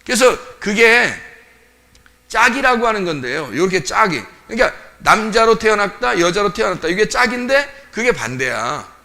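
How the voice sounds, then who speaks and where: A male pastor gives a sermon in a chatty, joking way and laughs often. His voice is bright and gravelly. His pitch swings widely and sits a bit high. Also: moderate pace. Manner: lively, animated delivery.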